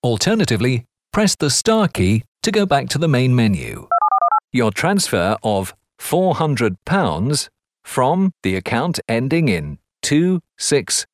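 A man's voice: medium pitch, no echo, studio quality. Man reading phone-menu prompts. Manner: measured, polite, evenly enunciated. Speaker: voice-over artist. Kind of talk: scripted phone-system prompts.

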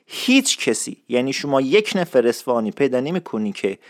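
A man hosts a jokey podcast with a mock-serious lecturing manner, speaking at an ordinary mid pitch. His voice is recorded close and dry, with no room sound around it. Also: sing-song, no room sound. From Isfahan, Iran. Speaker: podcast host. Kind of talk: humorous podcast monologue.

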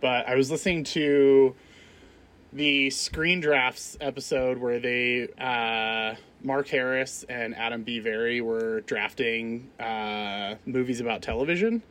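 A man's voice: mid-range voice, slow pace, fairly bright tone. A man in his thirties hosting a film podcast in casual chat, laughing often and restarting his phrases. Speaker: podcast host.

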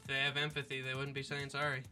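A man's voice: mid-range voice, monotone, fast, bright, forceful tone, soft background music. A man being interviewed as a guest on a casual radio show, giving short, matter-of-fact answers. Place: radio studio.

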